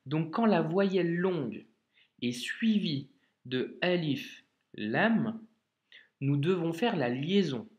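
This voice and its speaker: A man's voice: fairly high pitch, animated, a little mellow, muffled recording. A man teaching Arabic reading in a video lesson, patient and repetitive, often checking the viewer follows. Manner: patient, repeats words slowly, frequent check-ins.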